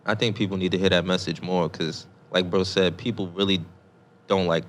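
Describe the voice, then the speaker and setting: Deep-voiced laid-back co-host guy. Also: fairly even intonation, fairly quick. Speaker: podcast co-host. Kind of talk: casual interview chat.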